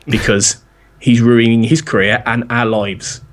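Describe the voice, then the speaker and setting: A man's voice: medium pitch, flat delivery, a little slow. Guy chatting on a podcast, rambly, laughs a lot. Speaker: podcast guest. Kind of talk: casual chat.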